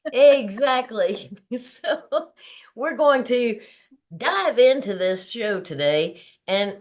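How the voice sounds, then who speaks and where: A woman in her fifties hosting a motivational talk show, earnest and encouraging, often laughing as she talks. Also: mid-range voice. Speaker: podcast host.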